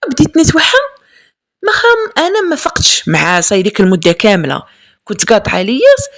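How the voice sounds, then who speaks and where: Woman, young adult, Algerian accent, storyteller, emphatic repetitions, fast, animated pitch. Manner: lively and emphatic, with frequent repetitions. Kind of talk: casual spoken storytelling.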